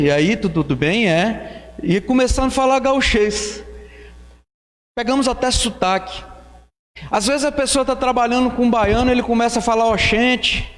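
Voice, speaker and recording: A man's voice: extremely high pitch, in a large hall. A man preaching a Bible study in a conversational way, with fillers and rhetorical questions to the congregation. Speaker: pastor. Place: church.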